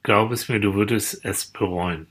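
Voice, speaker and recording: A woman gently reassuring and explaining things in a children's audio story. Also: extremely low pitch, moderate pace, husky. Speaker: host figure comforting the rat.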